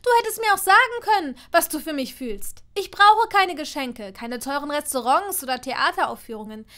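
A fiery young witch pushes every phrase hard, raising her bright, high voice with strong emphasis, as a woman reading an audiobook plays her. She sounds proud and stubborn. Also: expressive, moderate pace. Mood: furious. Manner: loud, heated, emphatic. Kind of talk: audiobook reading of fan fiction.

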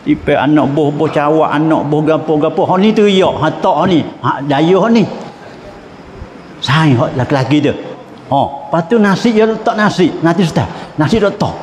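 A man's voice: fairly high pitch, moderate pace, slight background noise. A man with a Pattani Malay accent giving a humorous Islamic lecture, telling anecdotes and chuckling often. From southern Thailand. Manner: anecdotal storytelling with frequent chuckles. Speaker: Islamic religious teacher. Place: mosque hall. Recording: echoey mosque hall.

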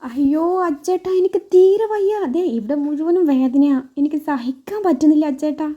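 A woman's voice: high-pitched, lively intonation, a little fast, warm tone, lo-fi sound. A woman voicing a sulky, scheming young bride who fakes illness with dramatic whining complaints. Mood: wailing, dramatic.

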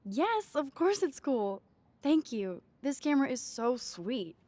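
Awkward American schoolgirl for a game: mellow, slightly high, sincere and hesitant. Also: sing-song, measured pace, no room sound, exaggerated voice. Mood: touched. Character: soft, earnest, awkward teenage schoolgirl. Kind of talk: video game drama acting.

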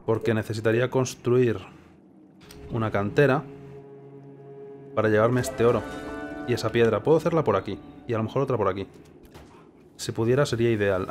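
A man with a Castilian accent from Spain giving casual gameplay commentary, musing and questioning himself as he thinks aloud. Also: mid-range voice. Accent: Castilian Spanish from Spain. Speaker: gaming video host.

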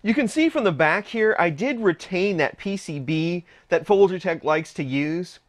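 Man, 30s, high voice, lively pitch, workshop vlog, explains parts as he shows them. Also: moderate pace. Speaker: channel host. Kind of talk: hands-on 3D printer build vlog. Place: home workshop, indoors.

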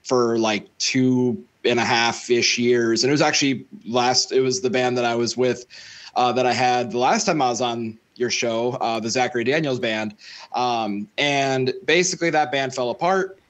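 A young musician guests on a podcast over a video call from a room at home, speaking at normal speed in a slightly bright, medium-pitched voice. He rambles through the casual interview with fillers and restarts, using a close studio mic and wearing headphones.

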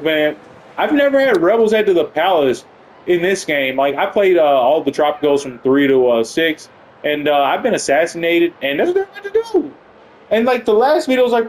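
A man giving excitable, profane live commentary while playing a video game. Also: fairly high pitch, rough recording. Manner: excitable, profane, swings between panic and triumph. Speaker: gaming channel host. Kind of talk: live let's-play commentary.

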